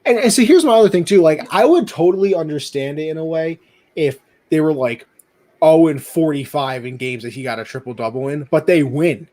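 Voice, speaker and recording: A young man co-hosting a sports podcast, chatting casually and excitably, tripping over his words now and then. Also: a little fast. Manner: excitable, jumps in pitch, trips over words. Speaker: podcast co-host.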